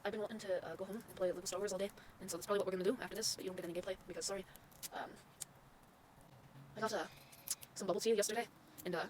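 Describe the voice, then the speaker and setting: A young woman putting on a rapid Irish accent. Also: mid-range voice, a little hiss or hum, lightly acted. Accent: put-on Irish. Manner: rambling, rapid chatter to the camera.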